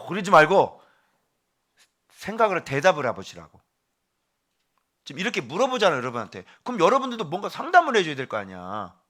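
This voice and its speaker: A middle-aged male pastor giving a morning devotional sermon, animated and questioning his listeners directly, then dropping to a hushed, slow voice for key words. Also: a little high. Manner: animated, quizzes the congregation directly.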